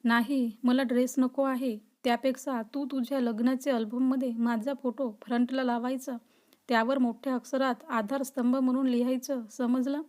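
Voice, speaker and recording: A woman reading the lines of a sleepy, annoyed young man who grumbles at his friend, in a high, even voice. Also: normal speed, close to an everyday voice. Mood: grumpy.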